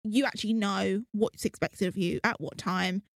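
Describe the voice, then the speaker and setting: A woman's voice: medium pitch, normal speed, vocal fry, dry recording. Chatty young woman. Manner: chatty, laughs often, animated retelling. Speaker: podcast co-host. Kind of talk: casual chat.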